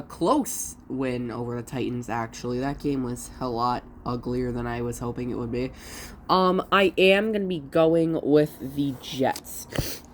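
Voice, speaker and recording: A woman chatting casually through her football picks, stuffy from allergies, self-deprecating and quick to restart her sentences. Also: low voice, slight background noise. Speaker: sports prediction vlogger. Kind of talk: casual solo commentary.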